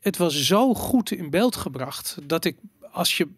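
Man, higher-pitched voice, hesitant with fillers, close dry mic. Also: animated, unhurried, husky, dry recording. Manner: hesitant, many fillers and restarts. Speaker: podcast co-host. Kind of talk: casual discussion.

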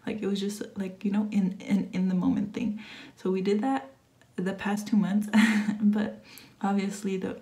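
A young woman whispers into her phone camera late at night at home, speaking at an ordinary, middle pitch. She sounds nervous and rambles, trailing off and restarting her thoughts as she talks. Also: warm tone. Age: 20s. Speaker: vlogger. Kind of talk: late-night confessional vlog.

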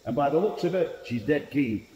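A man's voice: fairly high pitch, animated, fairly quick, warm tone, slight background noise. A man in his forties with a Yorkshire accent gives a plain-spoken, chatty farm update from inside a pig barn, often stopping for "uh" and restarting his sentences. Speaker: farmer presenting a farm video. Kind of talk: casual walk-and-talk farm update. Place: indoor pig barn with pens and straw. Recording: long reverb of a large barn.

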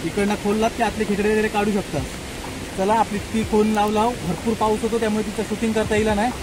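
A man's voice: sits high, little pitch movement, quick pace, background noise. A man in his thirties with a Malvani Marathi accent, explaining things step by step in a casual outdoor vlog, filmed on a phone in a rainy forest. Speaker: village vlogger. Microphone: phone camera held close.

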